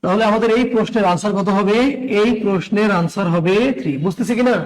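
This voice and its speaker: Man, high voice, Bangladeshi Bengali accent, tired and strained, live online math teacher, quizzes students. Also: quick pace, low-quality recording. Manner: repeats steps, quizzes listeners, greets chat by name. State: tired, talking slowly.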